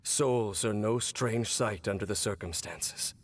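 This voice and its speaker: A man voicing a grave, mysterious swordsman in a game, gruff and gravelly, weakened and sick, speaking in a solemn, measured way. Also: lowish voice. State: weakened, coughing.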